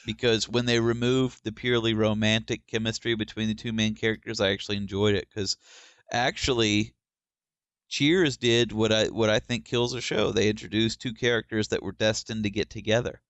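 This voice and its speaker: Opinionated man, low dry voice. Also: steady tone, moderate pace, fairly bright tone, no room sound, dull audio. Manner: opinionated, explains at length. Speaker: podcast co-host. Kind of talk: casual chat about TV shows.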